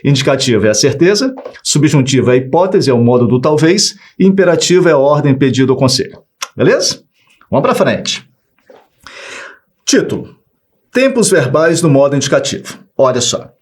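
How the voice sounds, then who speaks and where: Playful Brazilian teacher with a lively voice. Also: male voice, a little high, moderate pace. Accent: Brazilian Portuguese. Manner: playful, joking, acts out example phrases. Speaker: Portuguese grammar teacher. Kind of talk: exam-prep video lesson.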